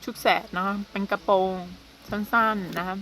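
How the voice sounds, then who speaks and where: A woman in her thirties from Thailand chats casually with her viewers. Her voice is bright and clear at an ordinary pitch. She talks in an unhurried way and often drops in soft hums. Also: steady tone, slight background noise. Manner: chatty and unhurried, with frequent soft hums and polite particles. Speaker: vlogger. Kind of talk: casual chat to camera.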